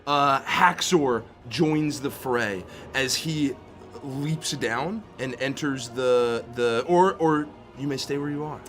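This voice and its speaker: A man improvising tabletop game narration as game master, building descriptions haltingly piece by piece. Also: medium pitch, fairly bright tone. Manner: halting, piecing descriptions together. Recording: music behind the voice.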